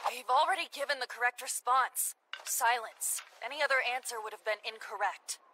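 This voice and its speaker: A woman voicing a composed, clever young man in an anime dub, explaining things in a measured way. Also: a little high, bright, forceful tone, low-quality recording. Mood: calm. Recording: background noise and clicks.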